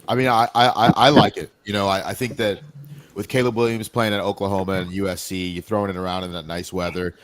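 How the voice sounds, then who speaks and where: A man's voice: low voice, little pitch movement, fast. A man on a sports podcast who stammers and thinks aloud while he gives his view. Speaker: podcast panelist. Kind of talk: casual sports chat.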